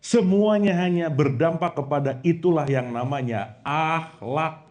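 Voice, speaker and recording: A man preaching a lively sermon to a live audience, joking and quizzing them with questions. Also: on the high side, measured pace. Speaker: Islamic preacher.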